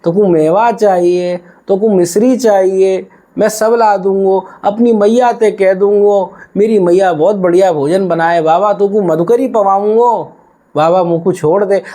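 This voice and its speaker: A man's voice: high-pitched, steady tone, a little slow, mellow, pitched above the performer's own voice. A man voicing a frightened young cowherd boy in a devotional story, pleading in a whiny rustic manner. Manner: whiny, pleading, in Braj village speech.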